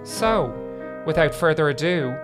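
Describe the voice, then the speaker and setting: A man's voice: a little high, expressive, a little slow. A man hosts a casual interview in a conversational voice. Some music can be heard behind his speech. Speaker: interview host, singing teacher.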